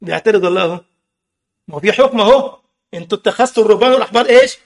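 High gravelly Egyptian preacher. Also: male voice, rapid-fire. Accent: Egyptian Arabic. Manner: impassioned, rhetorical questions, mocking asides. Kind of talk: sermon.

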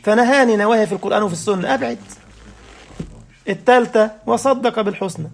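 Speaking quickly with vocal fry and a high-sitting voice, this Egyptian-accented man delivers a religious lesson. Rhetorical questions come in rapid bursts, and he keeps making sure the audience follows.

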